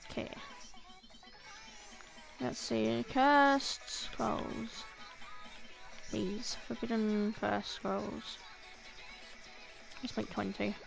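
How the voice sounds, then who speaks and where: Thinking aloud during a video game, a woman streamer mutters casual short phrases to herself. She speaks on the high side, drawing out her words in a gravelly voice with long pauses, and the poor-quality audio has music in the background.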